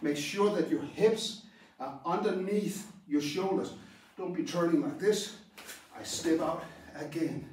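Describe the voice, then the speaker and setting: Far from the camera in a spacious dojo, a karate instructor whose first language is Danish walks through stances, his plain, hesitant speech broken by pauses between moves. His fairly high voice is a touch mellow, the hall rings with heavy echo, and there's slight background noise.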